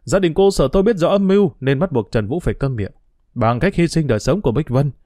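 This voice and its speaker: A man's voice: a little high, expressive, quick pace, mellow, no echo, studio quality. A man reading a story aloud and voicing an angry, reproachful man who accuses a woman. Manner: harsh, reproachful.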